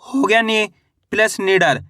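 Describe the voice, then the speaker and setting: A man's voice: high voice, slow, pushed and bright, no echo, studio quality. A man teaching Hindi reading by sounding out each syllable, then saying the whole word, and asking questions that he answers himself. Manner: asks the viewer questions and answers them himself. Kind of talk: slow spelling-out lesson.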